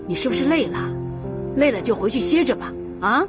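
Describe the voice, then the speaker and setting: A woman's voice: sits high, expressive, brisk. An actress playing a doting, stubborn elderly grandmother in a TV drama, coaxing and sighing as she talks. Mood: doting, soothing. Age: older. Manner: coaxing, full of sighs and fillers. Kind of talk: TV drama acting. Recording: TV drama with loud background music.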